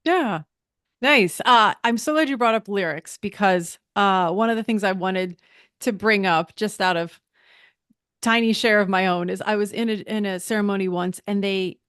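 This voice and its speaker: A woman's voice: medium pitch, moderate pace, fairly bright tone, clear, resonant tone, no room sound, studio quality. A woman hosting a podcast, chatting casually with many restarts and asides. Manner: chatty, self-interrupting with frequent restarts. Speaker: podcast host. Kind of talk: conversational interview.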